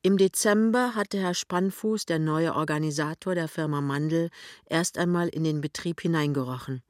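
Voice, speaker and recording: A man reading a German novel aloud in a measured, even narration. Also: fairly high pitch, no echo, clean studio sound. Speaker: audiobook reader. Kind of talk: literary reading.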